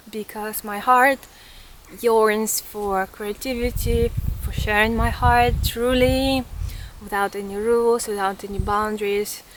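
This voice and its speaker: Standing in a forest, a Ukrainian-accented vlogger and artist in her thirties reflects earnestly on camera in casual vlog talk. Her medium-pitched voice has a fairly bright tone, and there's slight background noise.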